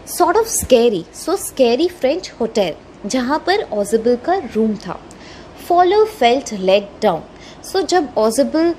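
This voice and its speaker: An Indian woman teacher reads English story lines aloud, then explains them in Hindi-English mix. Her voice sits high and mellow, with a slow, deliberate pace. A faint noise runs underneath.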